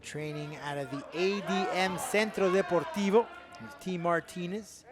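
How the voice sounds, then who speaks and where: A man's voice: sits high, normal speed. A man giving live play-by-play commentary on mixed martial arts fights. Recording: faint music and crowd behind.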